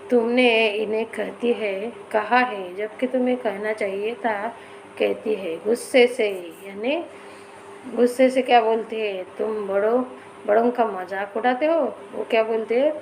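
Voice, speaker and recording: A woman's voice: fairly high pitch, gravelly, a little hiss or hum, rough recording. A woman teacher explaining a school story to children, reading each line and then repeating it with a question.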